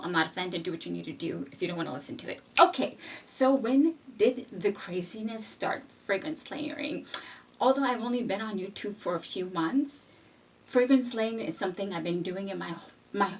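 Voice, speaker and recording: A young woman chats through a personal story for her fragrance channel. She laughs often and gets animated as she tells it. Her voice sits a little back from the microphone, with a middling pitch. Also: recorded from a distance. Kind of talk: casual storytime chat.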